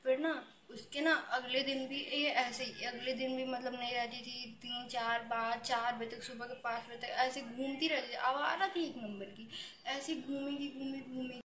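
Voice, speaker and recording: A young woman telling a storytime vlog in a casual, animated and exasperated way, full of fillers. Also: on the high side, moderate pace, roomy sound, a crowd in the background. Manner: animated, exasperated, many fillers like "thik hai" and "bhai". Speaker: vlogger.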